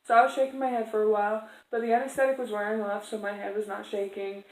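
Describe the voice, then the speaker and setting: A woman vlogger tells a personal story to camera, rambling conversationally and acting out quoted exchanges. Her mid-range voice is level and darkish, and she talks fast in an echoey room.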